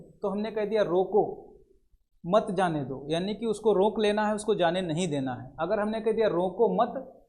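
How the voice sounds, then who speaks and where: A man's voice: high voice, warm tone. A male lecturer, explaining terms in a classroom lecture and mixing in English words. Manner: explains terms in Hindi with many English words, repeats fillers.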